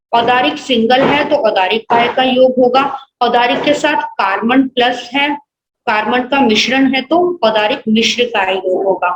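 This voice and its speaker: A woman's voice: a little high, reverberant, noisy background. A woman, a nun, teaching an online religious class, patiently explaining and listing terms one by one.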